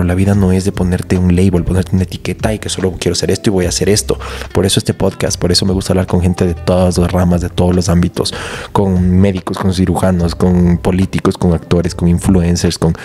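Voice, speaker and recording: A man's voice: sits low, warm tone. A man hosting a solo motivational podcast, talking earnestly and emphatically, sometimes repeating words while he looks for the phrase. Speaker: podcast host.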